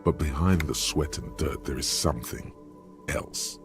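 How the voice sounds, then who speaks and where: A man voicing the omniscient narrator of a video game, delivering scripted narration in a grave, brooding way. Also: a bass voice. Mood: ominous. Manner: grave, ominous, deliberate. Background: game music.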